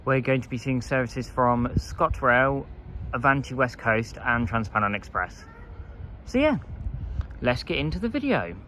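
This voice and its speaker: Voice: medium pitch, big pitch swings, measured pace, fairly bright tone. A video host giving methodical trainspotting commentary, spelling out services and numbers. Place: railway station platform. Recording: noisy outdoor station ambience.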